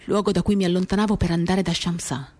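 Over acoustic guitar music, a woman reads a novel for radio theatre, delivering a literary monologue in short, intimate, dramatic phrases as if confiding. Her voice sits fairly low and is steady and a little mellow, and she talks fast. There is slight background noise.

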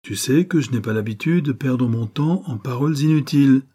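A man's voice: mid-range voice, fairly quick, husky, pitched above the performer's own voice, close to an everyday voice. A man voicing a ruthless, scheming adventuress who gives orders with menace, reading an audiobook. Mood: threatening. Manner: menacing, imperious, rising to shouts. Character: ruthless scheming adventuress, cold, commanding woman. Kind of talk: audiobook character voice.

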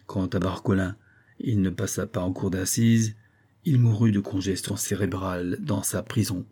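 Male audiobook reader, dark and husky, steady expressive narration. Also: deep voice, normal speed. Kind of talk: scripted narration.

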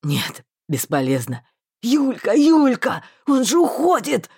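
A woman voicing a loyal, hot-tempered young male mage who shouts in loud anguish and fury. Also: on the high side, very animated, slow pace, breathy edge, no echo, studio quality, full character voice. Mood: desperate.

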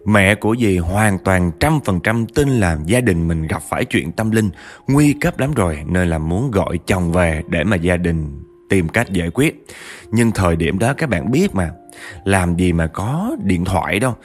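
Male storyteller, low and very expressive, faint music bed. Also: unhurried. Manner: lively, addresses listeners directly. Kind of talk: ghost story narration.

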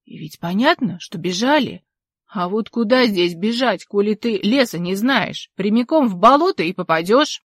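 A chatty old villager spins local legends in a loud, folksy, emphatic manner, as a woman reader puts him on. The voice is lively and pushes its lines hard, with a dry, close sound and no room around it. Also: mid-range voice, moderate pace, dry recording, natural voice. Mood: folksy storytelling. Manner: folksy, emphatic, rustic speech. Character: talkative old village man, folksy storyteller.

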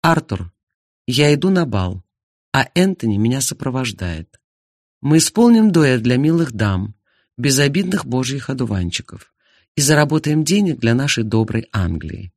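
A man's voice: mid-range voice, moderate pace, no room sound, studio quality. A man voicing a cool, composed older woman in an audiobook. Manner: calm, cool. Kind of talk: audiobook character voice.

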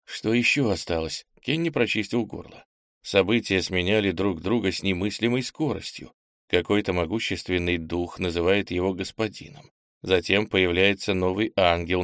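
A man reading a novel aloud as audiobook narrator, in a steady, even manner. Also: low voice, moderate pace, no echo, studio quality. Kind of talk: scripted narration.

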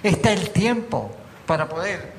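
A Chilean man preaches to his congregation in a gravelly, slightly high voice. He weaves personal stories with gentle humor and presses the listeners with rhetorical questions. A faint background hum sits under his sermon. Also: expressive, a little slow. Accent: Chilean Spanish. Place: church meeting hall.

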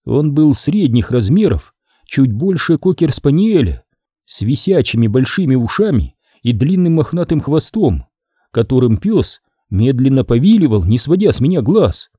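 A man narrating a children's story in an expressive, measured reading. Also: mid-range voice, husky, no echo, studio quality. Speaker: audiobook narrator.

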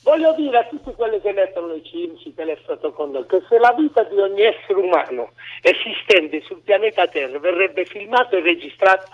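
Male caller from Bari, high-pitched, insistent, talking over the hosts; hollow speakerphone sound on a dull phone line. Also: animated, brisk. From Bari, southern Italy. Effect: distant hollow phone line, as if on speakerphone. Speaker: radio caller. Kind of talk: call-in phone talk.

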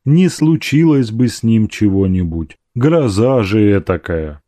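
A tender, tearful old mother from an audiobook, put on by a male reader. She cries out in a raised, quavering voice that swings up and down. The reading is slow and the sound dry and close. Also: on the low side, animated, warm tone, no echo. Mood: tearful, anxious. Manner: emotional, crying out.

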